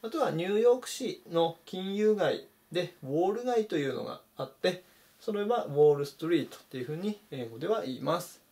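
A man's voice: high voice, animated, brisk, vocal fry, warm tone. A man teaching English vocabulary to Japanese learners, methodically explaining meanings and pointing out pronunciation.

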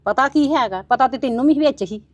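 Woman as a gossiping village woman, accusing, rapid talk, dry sound. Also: high-pitched, no room sound, natural voice. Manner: fast, accusing, argumentative. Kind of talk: web drama acting.

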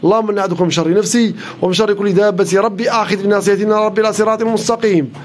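Man chanting healing verses at high speed. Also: steady tone, rapid-fire, slight background noise. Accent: Moroccan Arabic. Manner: repetitive rhythmic recitation. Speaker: Islamic healer. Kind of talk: rapid chanted healing incantation.

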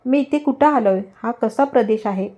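A woman's voice: fairly high pitch, moderate pace, mellow, natural voice. A woman voicing the frightened, wailing soul of a dead man who cries out and pleads for rescue, in a storybook narration. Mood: pleading. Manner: pleading, crying out.

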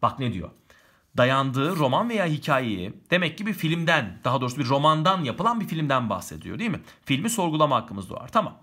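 A man with a husky, bright voice leads an exam-prep lesson. He is lively and chatty, and he speaks straight to the viewer while he works through each question. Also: mid-range voice, fairly quick. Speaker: teacher.

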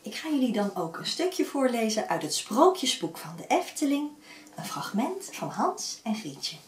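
A young woman in her twenties reads a fairy tale aloud with dramatic flair. Her voice sits fairly high and rises and falls a lot. She takes her time, and the sound is roomy and a little distant. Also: normal speed, slight background noise. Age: 20s. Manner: expressive, dramatic storytelling. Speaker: storyteller auditioning.

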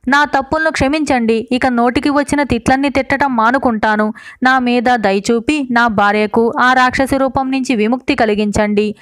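Storybook figure: a grumpy husband who curses everyone, read by a woman in her own higher voice, close and dry. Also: fairly even intonation, normal speed, dry recording, close to an everyday voice. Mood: pleading. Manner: scolding, snapping curses. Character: short-tempered cursing village husband.

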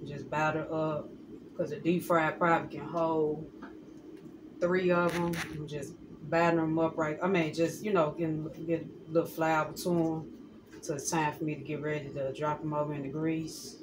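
A woman's voice: low-pitched, normal speed. A woman, chatting casually to viewers as she cooks in her home kitchen. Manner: relaxed, chatty, addresses viewers as y'all. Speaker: cooking vlogger. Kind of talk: casual cooking vlog narration. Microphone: phone camera held close or set on counter. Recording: noisy home kitchen phone recording.

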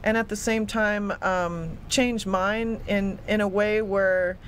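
A woman's voice: medium pitch, slow pace. A young woman speaks earnestly as an interview guest, often doubling words when she gets going. She sits at a desk microphone in a small studio, with a faint hiss under her voice. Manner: earnest, eager, repeats words when excited. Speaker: fitness coach and guest. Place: small studio set with a city backdrop. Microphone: desk microphone on a stand.

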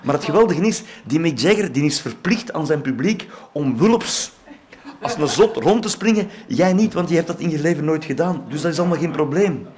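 A man's voice: on the high side, animated, a little fast, a little mellow. A man with a Flemish accent giving a playful speech and reading a comic poem at an award ceremony, with theatrical delivery. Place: event hall.

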